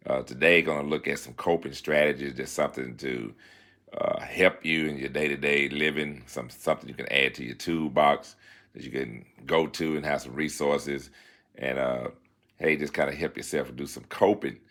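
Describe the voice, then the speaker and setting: A man hosting a self-help talk segment, moving between formal read-out passages and relaxed, folksy asides, often checking in with "all right?". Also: extremely low pitch, normal speed. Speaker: show host giving self-help advice.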